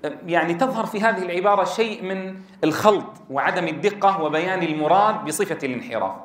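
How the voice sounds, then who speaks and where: High-voiced man teaching. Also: fast talker, a bit bright. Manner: emphatic, repeats key points, addresses listeners as brothers. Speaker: Quran recitation teacher. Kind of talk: classroom lecture on recitation rules. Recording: echoey room.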